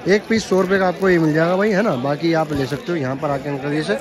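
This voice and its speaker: A man's voice: a little high, steady tone, fast talker. Upbeat male market vlogger, crowd noise. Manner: asks vendors prices and repeats them to viewers. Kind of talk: casual walkaround vlog. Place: busy outdoor street market. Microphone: handheld camera, point of view and selfie. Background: crowd chatter.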